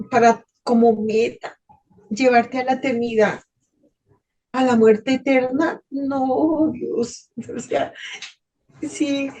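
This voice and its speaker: Husky woman giving an emotional testimony. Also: sits high, darkish tone. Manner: emotional, intense, tearful at times. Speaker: guest speaker giving a testimony. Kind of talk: religious testimony talk.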